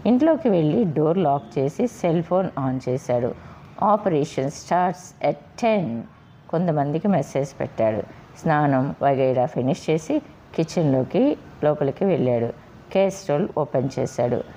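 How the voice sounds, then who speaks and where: A woman narrating a story in a steady, expressive storytelling manner. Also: low-pitched, normal speed, a little hiss or hum.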